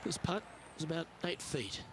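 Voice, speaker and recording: A man's voice: on the high side, expressive, normal speed, noisy background, lightly acted. A man playing a composed, upbeat TV-style lead golf commentator for a video game. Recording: crowd and music behind.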